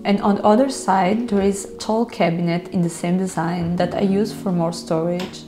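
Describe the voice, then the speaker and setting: A woman from Ukraine who grew up in Italy, speaking as she calmly explains her home as an interior decorator. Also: fairly low pitch, moderate pace, music in the background. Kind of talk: home tour narration.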